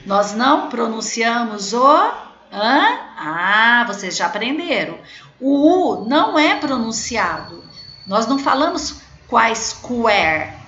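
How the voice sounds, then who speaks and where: Slow, patient Brazilian woman teacher. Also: on the high side, pushed and bright, a little hiss or hum. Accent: Brazilian Portuguese. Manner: slow, patient, spells out words to children. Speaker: primary school teacher. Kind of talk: video lesson correcting exercises. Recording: echoey room, dull lo-fi sound.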